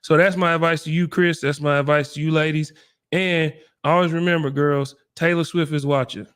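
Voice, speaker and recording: A middle-aged man hosting a casual livestream chat, talking in a relaxed, encouraging, folksy way. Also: fairly high pitch, normal speed, clean tone. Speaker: livestream host.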